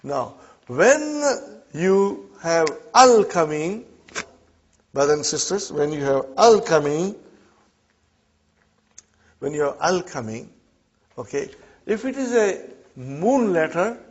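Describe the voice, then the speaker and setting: A male Arabic teacher, not a native speaker, talks slowly in a fairly high, husky voice. He checks in with the class again and again. The recording is dull and lo-fi. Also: very animated. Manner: checks in often with "huh?" and "okay?". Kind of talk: classroom lesson.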